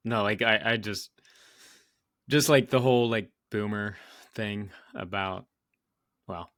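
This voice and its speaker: A man's voice: lowish voice, slow, pauses often, a bit bright, no room sound, clean studio sound. A young man co-hosting a casual podcast, talking in a laid-back, hesitant way with many fillers. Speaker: podcast co-host. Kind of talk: casual banter.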